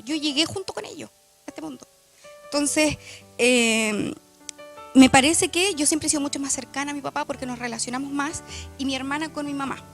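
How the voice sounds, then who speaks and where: A young woman with a high, slightly bright voice speaks reflectively and emotionally in a church testimony interview. She often hesitates and leans on fillers.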